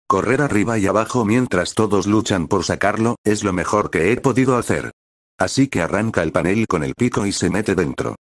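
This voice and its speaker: A man narrating a fan fiction story in a steady storytelling manner. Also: fairly low pitch, a little fast, dry recording, studio quality.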